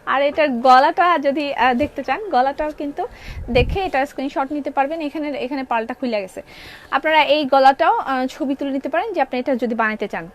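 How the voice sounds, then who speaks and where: A woman's voice: high voice, a little fast. A young Bangladeshi woman with a Bengali accent hosting a live clothing sale, chatting with viewers and reading their comments aloud. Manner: chatty, reads viewer comments aloud, mixes in English phrases. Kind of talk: live-stream sales chat.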